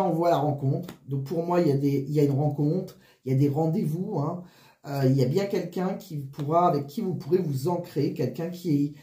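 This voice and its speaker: A woman giving a casual card reading, wheezy and short of breath with flu, halting and often restarting her phrases. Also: lowish voice, warm tone, echoey room. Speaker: tarot card reader.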